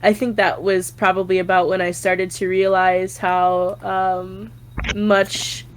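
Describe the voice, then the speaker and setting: A young woman speaks over a remote call, her voice sitting in a middle pitch. She rambles loosely, full of fillers and casual swearing. A faint hiss of ambience sits under her. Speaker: guest psychic.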